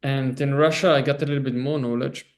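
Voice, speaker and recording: Guest: Austrian man with a German accent, gravelly low-mid voice, rambling, laughs a lot, on a video call. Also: fairly even intonation. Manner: laughs often, rambling with frequent pauses. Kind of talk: casual interview over video call.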